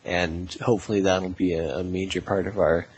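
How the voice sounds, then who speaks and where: A man's voice: sits low, flat delivery, moderate pace, darkish tone, slight background noise, low-quality recording. A man in his twenties answering interview questions thoughtfully, with many fillers. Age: 20s. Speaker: political party representative, guest.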